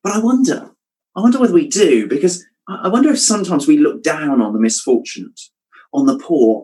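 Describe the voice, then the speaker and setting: A man preaching a reflective sermon, asking rhetorical questions and dropping his voice softly when quoting scripture. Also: a little high, poor audio. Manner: reflective, asks rhetorical questions, drops soft at quotes.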